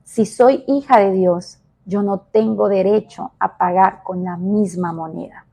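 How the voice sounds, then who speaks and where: A woman evangelist giving a devotional sermon, emphatic and repetitive, moving between soft and raised delivery. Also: mid-range voice, a little slow, creaky, breathy edge.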